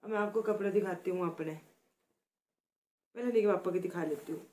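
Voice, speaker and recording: A woman from Himachal Pradesh talking softly and chattily in a casual vlog, showing gifts and praising them again and again. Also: on the low side, fairly quick. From Himachal Pradesh, India. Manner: chatty and affectionate, repeats words of praise; speaks softly, close to the mic. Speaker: vlogger.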